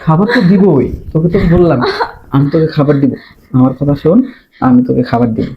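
A man acts out a scheming young man in a low-budget drama, talking fast and coaxing. He keeps his voice insistent and hushed. The sound is dull and lo-fi, with faint noise. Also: animated.

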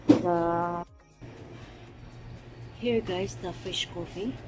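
A woman's voice: fairly low pitch, drawn-out words, over music. A Filipino woman vlogging casually on a phone inside a coffee and date shop, chatting to her viewers with a lot of repeated filler words. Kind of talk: casual shopping vlog. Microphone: handheld phone camera. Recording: phone audio with shop noise.

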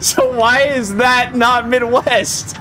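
A woman's voice: fairly high pitch, steady tone, slow, bright, forceful tone. A woman with an American accent bantering casually on a livestream, arguing in an exasperated, sweary way and repeating her words. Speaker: VTuber streamer. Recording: clear background noise with clicks.

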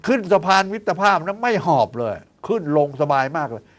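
A man's voice: high-pitched, a little fast. A man in his sixties, a doctor hosting a health show, chatting in a folksy way and tossing out teasing questions to his listeners. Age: 60s. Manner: chatty, lively asides, teasing rhetorical questions; counts out exercise steps aloud.

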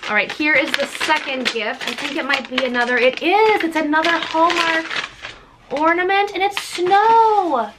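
A woman vlogger, excitedly opening fan mail and gushing over each gift in a casual chat. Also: sits high, moderate pace, background noise.

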